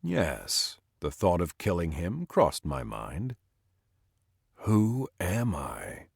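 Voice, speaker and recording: A man's voice: deep voice, huge pitch swings, extremely slow, creaky, slightly rough, no echo, clean studio sound. A man narrating an audiobook in scripted style, voicing the dialogue with small shifts for each character.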